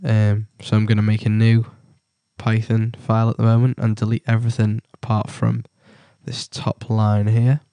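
A young British man with a cold, presenting a coding tutorial in a halting, casual way with many ums. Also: lowish voice, completely flat delivery, mellow, no room sound. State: has a cold.

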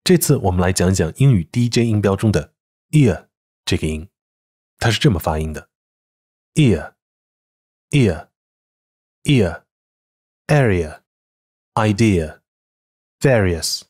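A middle-aged man, teaching English pronunciation in a calm scripted lesson and patiently sounding out example words. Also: sits low, fairly quick.

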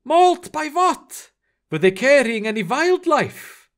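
A man's voice: high-pitched, sing-song, moderate pace, a bit bright, voice pushed up. A man voicing a tense male base commander who asks urgent, alarmed questions.

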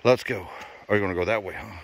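A middle-aged man films a family hike along a forest trail, joking and cheering everyone on as he talks to the camera in casual vlog style. His voice is lowish, fast and gravelly, with a little hiss or hum on the audio.

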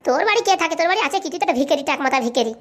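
A woman's voice: high voice, animated, very fast, a bit bright. A woman voicing a quarrelsome, greedy wife in a cartoon, scolding and hurling insults. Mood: angry.

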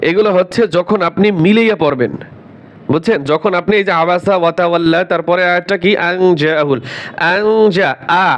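A man teaching Quran recitation, spelling words out letter by letter, quizzing learners, and chanting verses slowly and drawn out. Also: high voice, fairly bright tone. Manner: drills letter by letter, asks learners questions, slow drawn-out chanting.

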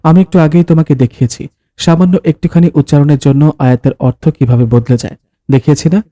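A man tells a scripted story, his voice very dark and soft-edged yet pitched a little high for a man. He explains step by step, patient and teacherly. The sound is close and bone-dry, with no room around it. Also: fast, dry recording. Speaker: storyteller voicing a husband. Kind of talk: scripted story narration of dialogue.

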